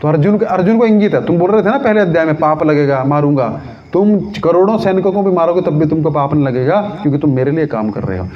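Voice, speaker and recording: A man giving a devotional scripture talk, telling stories lively, acting out voices and asking his listeners questions. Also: fairly high pitch, fast talker. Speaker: Gita lecturer. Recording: dull lo-fi recording.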